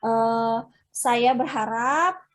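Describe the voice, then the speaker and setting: A woman teaching an online Arabic class, explaining each phrase step by step with many fillers. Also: extremely slow. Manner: acts out dialogue lines with lively raised pitch.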